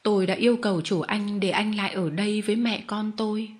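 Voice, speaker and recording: A woman's voice: mid-range voice, steady tone, fairly quick, a little mellow. Woman reading a storybook aloud. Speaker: audiobook reader. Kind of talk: storybook narration.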